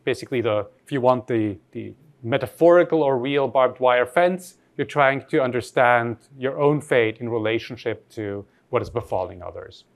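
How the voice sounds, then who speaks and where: A man's voice: mid-range voice, normal speed. A man from Austria giving an academic lecture, reflective and posing rhetorical questions to his audience.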